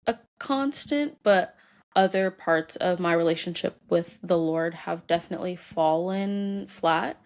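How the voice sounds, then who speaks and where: A young woman hosting a solo podcast, talking about her feelings in a halting way with many fillers, tearful and crying at times. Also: mid-range voice. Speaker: podcast host. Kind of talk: personal solo podcast talk.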